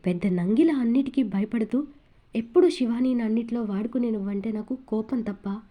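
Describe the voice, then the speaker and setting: A woman's voice: on the high side, brisk, warm tone, close to an everyday voice. A woman reading aloud, voicing a ruthless, obsessive young man who talks harshly and with contempt. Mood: furious.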